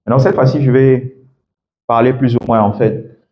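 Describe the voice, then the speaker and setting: A man's voice: medium pitch, flat delivery, normal speed, muffled recording, a little hiss or hum. A man working as an English coach gives a classroom lecture, explaining step by step and often checking in with "d'accord?".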